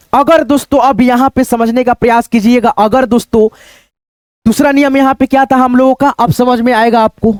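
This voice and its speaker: Teacher, male, very high voice, spells words out slowly, close dry mic. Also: darkish tone, dry recording. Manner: spells words out letter by letter, keeps asking "दोस्तों". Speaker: English teacher. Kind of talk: spoken lesson.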